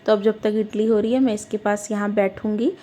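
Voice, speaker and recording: Young mom vlogger narrating her kitchen chat, mellow tone, even and unhurried in her explaining. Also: medium pitch. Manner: chatty, explanatory, with fillers and self-corrections. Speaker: home vlogger and mother. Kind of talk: casual voice-over narration of home cooking.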